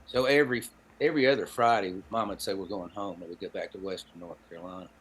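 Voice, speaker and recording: A podcast guest in his seventies, a storyteller and songwriter from Appalachian Tennessee, relates personal anecdotes with folksy, wry, dry humor and a Southern Appalachian American accent. His voice is low-pitched and husky yet a bit bright, fast, with fairly even intonation.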